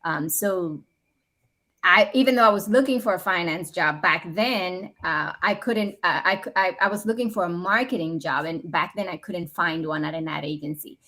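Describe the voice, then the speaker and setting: Podcast guest, woman in her forties, from the Dominican Republic, lowish voice, earnest and upbeat. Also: moderate pace, bright, forceful tone. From Dominican Republic, raised in New York City. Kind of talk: conversational interview.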